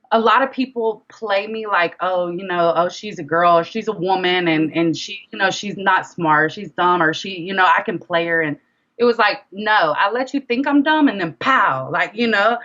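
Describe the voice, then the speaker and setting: The audio is muffled, and the woman speaking has a mid-range voice at an ordinary speed. A rapper and singer in an interview, she chats loosely and brings her anecdotes to life by quoting exchanges as dialogue.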